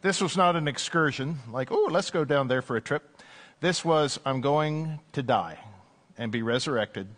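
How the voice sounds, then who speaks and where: A man preaching a sermon as an Anglican priest at a pulpit microphone in church, in a conversational way with gentle jokes and "uh" fillers. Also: a little high, moderate pace.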